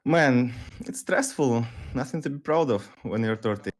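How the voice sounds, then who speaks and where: A thirty-year-old man, a podcast guest, speaking that is not his in a halting, laid-back way with many fillers. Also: medium pitch, expressive. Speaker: guest, pro gamer. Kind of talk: casual interview chat.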